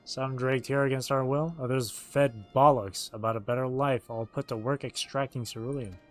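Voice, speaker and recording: A man's voice: mid-range voice, fairly even intonation, normal speed, faint music behind. A man streaming a game, reading its written dialogue aloud and acting it out as he goes. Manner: acts out the written dialogue as they read.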